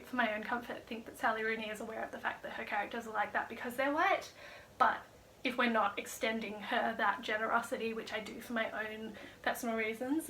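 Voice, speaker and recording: A woman with a bright, fairly high voice talks through the books she read this month. She is chatty and rambling, full of fillers, and quick to make fun of herself. A faint hum of noise sits underneath. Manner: wry and self-mocking. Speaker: book vlogger. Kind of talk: casual monthly reading wrap-up.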